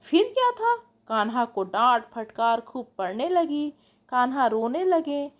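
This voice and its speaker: A woman's voice: high voice, big pitch swings, unhurried. A woman narrating a devotional story in a homely, chatty way, addressing her listeners as friends.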